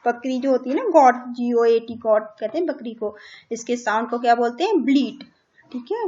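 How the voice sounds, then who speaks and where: High-voiced woman teacher spelling words. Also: animated, moderate pace, mellow, highs cut off. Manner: repeats and spells words letter by letter, keeps asking questions. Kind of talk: online class lesson in Hindi and English.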